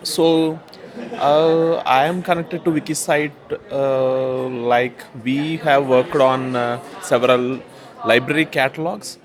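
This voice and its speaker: A man's voice: mid-range voice, fairly even intonation, slow pace, crowd noise. A man from southern India, introducing himself at a meeting with many hesitant fillers. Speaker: workshop participant.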